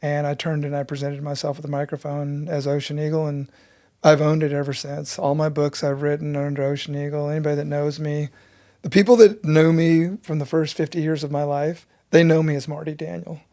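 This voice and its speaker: A man's voice: on the high side, level tone, brisk, warm tone. A man in his fifties, a breathwork teacher telling his story with earnest intensity in an interview.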